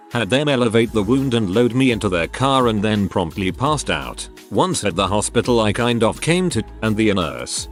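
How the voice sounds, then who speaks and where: Low, lively male narrator. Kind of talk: scripted narration of humorous online stories.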